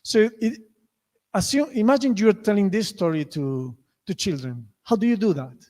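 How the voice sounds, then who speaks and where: A man with a Spanish accent, a native Spanish speaker, lectures to a conference audience, stopping and restarting his sentences as he goes. His voice sits high, and it rings out with a long echo through a big hall. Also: lively intonation, moderate pace. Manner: many restarts, acts out story lines loudly.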